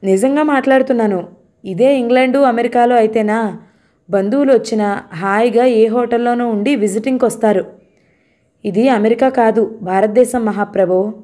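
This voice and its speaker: A woman's voice: a little high, moderate pace, warm tone, lightly acted. A woman voicing a curt, teasing young husband in a novel reading. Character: grumbling young husband, office-bound.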